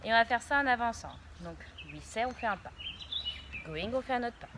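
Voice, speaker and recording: A woman's voice: on the high side, lively intonation, fairly quick. A woman teaching a dance routine, counting beats aloud and giving short step cues. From France. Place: dance studio. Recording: loud background noise.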